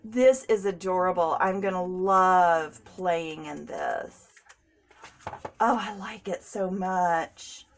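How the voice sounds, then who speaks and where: A woman's voice: fairly low pitch, takes it slowly, slight background noise. A woman, chatting casually and gushing as she unboxes craft supplies, laughing often. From United States. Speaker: crafting vlogger.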